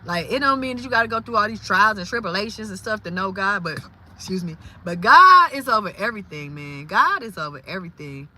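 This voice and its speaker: A woman, talking casually about faith on a livestream, lively and quick to exclaim. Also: mid-range voice. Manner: lively, exclaims and laughs often. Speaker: live streamer.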